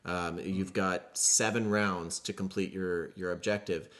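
A man's voice: sits low, steady tone, measured pace, fairly bright tone. A man co-hosting a podcast, casually and eagerly explaining how a board game plays. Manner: enthusiastic, explains rules at length. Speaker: podcast co-host.

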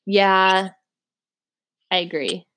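A woman's voice: medium pitch, steady tone, extremely slow, a bit bright. A young woman co-hosting a casual podcast chat, leading the topic list, with a lot of hesitant "um" and "like" fillers. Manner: hesitant, lots of "um" and "like".

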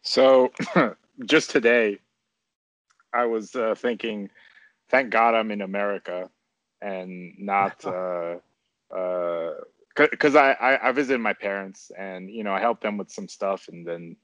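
A man with a lowish voice speaks casually, pausing often and restarting his sentences. The recording is dry and close, with no room sound. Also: fairly bright tone, no room sound, highs cut off. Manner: hesitant, full of fillers and restarts. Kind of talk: casual conversation.

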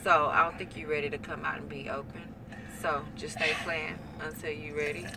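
A woman guest on a casual podcast, who talks bluntly and teasingly and breaks into loud laughter. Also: low voice, level tone, brisk. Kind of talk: casual group chat. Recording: noisy background.

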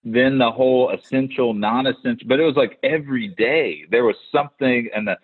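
This man's voice is husky and mid-range, and he talks briskly. As a podcast host he tells stories casually, animatedly acting out the voices of those he quotes and frequently starting over. The sound is dry and phone-like with no echo.

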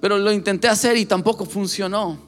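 A man's voice: high voice, a little fast. A male pastor preaching a sermon with passion, speaking straight to the listener and repeating phrases for emphasis.

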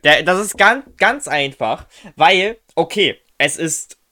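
A young man chatting loosely and excitably with a friend, dropping slang. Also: on the high side, takes it slowly. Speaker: co-host. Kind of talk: casual chat.

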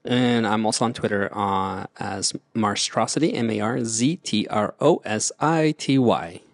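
A man co-hosting a casual movie podcast. He talks in a relaxed, thoughtful way and often trails off and starts over. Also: fairly low pitch, a little slow, dry recording, clean studio sound. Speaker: podcast co-host. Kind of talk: casual chat.

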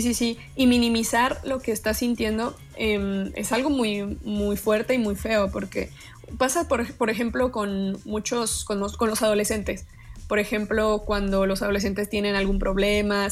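A woman, a guest expert explaining emotions in calm conversation, measured and pausing to repeat her words. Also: mid-range voice.

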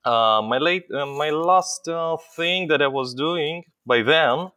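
Bright, crisp-voiced Ukrainian-born man. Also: on the high side, slow pace, dry recording. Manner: hesitant, many fillers. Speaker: company CEO, guest. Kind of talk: interview storytelling.

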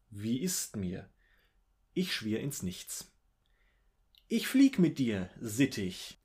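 Male podcast host, husky tone, animated dramatic delivery of comic verse. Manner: dramatic, wry recitation with lively pitch swings. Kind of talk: podcast with recited vowel poems.

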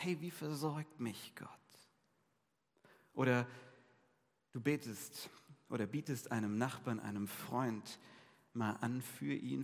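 A man's voice: medium pitch, vocal fry. Casual-sounding male preacher in a reverberant hall. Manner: casual, conversational preaching with lively asides. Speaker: pastor. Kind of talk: sermon.

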